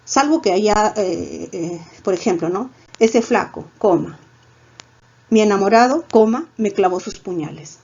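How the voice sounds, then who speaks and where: Peruvian woman teacher, lively and coaxing, breathy tone, muffled recording. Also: mid-range voice, unhurried. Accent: Peruvian Spanish. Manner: lively, coaxing, peppers lines with "¿ya?". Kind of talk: recorded grammar lesson.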